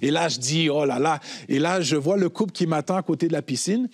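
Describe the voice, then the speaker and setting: A man, a pastor and guest on a talk show, telling a lively testimony and rising to a shout at times. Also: a little high, fast talker, breathy edge, no echo, studio quality. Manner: animated storyteller, swells to shouting. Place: TV studio.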